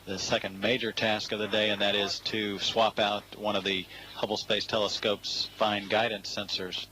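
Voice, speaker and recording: A man giving measured, matter-of-fact live spaceflight commentary from mission control. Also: fairly low pitch, level tone, pushed and bright, rough recording. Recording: faint background hiss.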